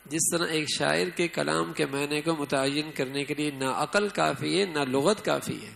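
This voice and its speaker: Gravelly-voiced male preacher. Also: fairly high pitch, a bit bright, low-quality recording. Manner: conversational, asks the audience often. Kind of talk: Islamic sermon.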